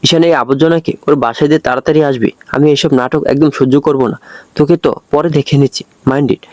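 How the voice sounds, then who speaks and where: A man's voice: fairly high pitch, fairly even intonation, fast talker, darkish tone, dry recording, lightly acted. A man playing a short-tempered, arrogant male company boss who speaks curtly and harshly. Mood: angry. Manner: curt, harsh.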